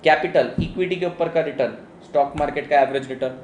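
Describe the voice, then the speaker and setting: A man delivers a casual economics lecture, slipping English terms into his explanations and calling students "beta". His voice sits a little high for a man. The room is roomy and echoey, with faint background ambience. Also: fast talker, a little hiss or hum. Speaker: economics teacher. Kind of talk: live online exam-prep lecture.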